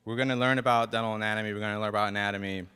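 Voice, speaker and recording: A young man with a Persian accent speaks in a bright, fairly low voice. He gives a self-deprecating, slightly nervous student speech at a ceremony, and his words carry a long hall reverb. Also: steady tone, very fast, clear, resonant tone. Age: young adult. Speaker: dental student class president giving a speech.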